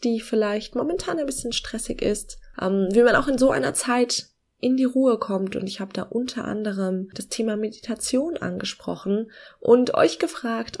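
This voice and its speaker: A woman hosting a podcast, introducing the episode in a brisk, chatty way and speaking directly to listeners. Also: fairly high pitch, vocal fry, darkish tone. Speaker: podcast host.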